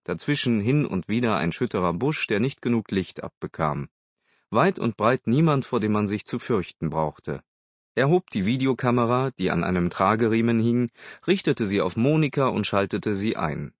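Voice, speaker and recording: A low-voiced man narrates a storybook in a steady, measured way. The recording is close, very dry and a little dull in the highs. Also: no echo. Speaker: audiobook narrator. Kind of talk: scripted narration.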